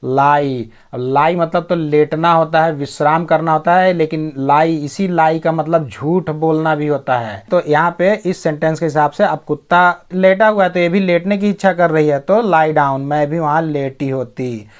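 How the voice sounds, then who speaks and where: A man teaching English, reading English story phrases slowly with an Indian accent and explaining them. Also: on the high side, steady tone. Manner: slow, deliberate reading of English phrases, then quick glosses of meanings. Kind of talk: Hindi explanation of an English story, read line by line.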